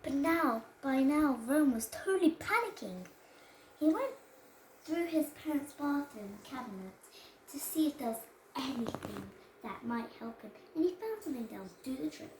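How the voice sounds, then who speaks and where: A child with a high voice reads a children's story aloud. The reading stumbles and restarts phrases. The sound is roomy, with faint noise behind it. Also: lively intonation, normal speed. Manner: stumbles over words and rereads phrases. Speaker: child reader presenting a storybook. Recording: roomy echo with background noise.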